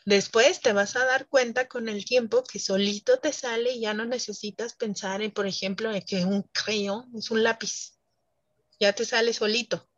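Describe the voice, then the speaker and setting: A woman speaks as a French teacher in an interview, explaining with emphasis and laughing often. Her voice sits at an ordinary pitch. The recording is dry and dull, a little lo-fi. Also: steady tone, moderate pace, a bit bright, no echo. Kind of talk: interview conversation.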